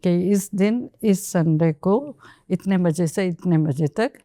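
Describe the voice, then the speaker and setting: Low, mellow-voiced woman telling a story. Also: no echo, studio quality. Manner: unhurried, mixes English phrases into Hindi. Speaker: guest. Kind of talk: storytelling in a podcast interview.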